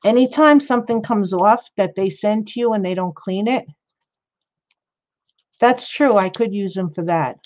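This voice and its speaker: A woman works on a craft project on livestream, chatting casually at a measured pace with long pauses. Her medium-pitched voice is a little mellow, she answers chat by name while rambling, and the audio sounds slightly dull and lo-fi.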